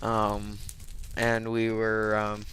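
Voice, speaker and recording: Slow, bright young man musing. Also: fairly low pitch, monotone, smooth. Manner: hesitant, lots of ums and restarts. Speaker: co-host. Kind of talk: casual philosophy chat.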